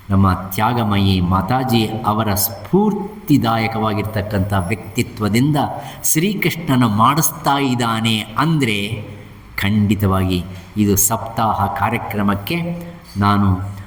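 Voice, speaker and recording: A man's voice: fairly low pitch, takes it slowly, long pauses. A man giving a devotional storytelling discourse at an ashram, animatedly acting out the characters. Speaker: religious discourse speaker. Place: ashram hall. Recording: reverberant hall.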